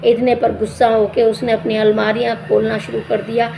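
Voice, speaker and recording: A woman's voice: on the high side, monotone, normal speed, vocal fry, background noise. Rambling woman recapping a show. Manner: rambling, acts out quotes with many fillers. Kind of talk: casual retelling of events.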